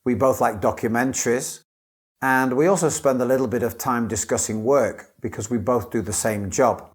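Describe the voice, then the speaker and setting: A man speaks in a clear, careful, measured way. He teaches English and gives scripted model answers as a candidate in a mock test. His voice sits at a middle pitch.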